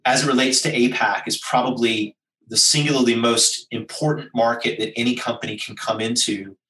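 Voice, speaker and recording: An American business executive, guesting on an interview, gives emphatic, persuasive advice and stacks his points into lists. His bright, forceful voice is medium-pitched, steady in tone, and brisk. He sits a little back from the mic in a roomy space, so he sounds far away.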